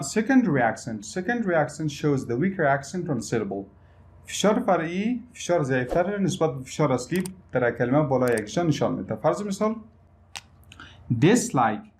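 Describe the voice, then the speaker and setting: A man gives an English pronunciation lesson, moving between English and Dari as he explains. His voice sits a little high, and he spells out each rule slowly. He hits the stressed syllables of his example words hard and repeats them. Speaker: English teacher. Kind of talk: language lesson.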